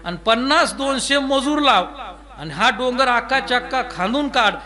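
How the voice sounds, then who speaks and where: A man's voice: very high voice, moderate pace, sharp tone. A male preacher voicing a patient, kindly god who grants boons and calls the devotee his child. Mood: indulgent. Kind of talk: acted quotes within a sermon.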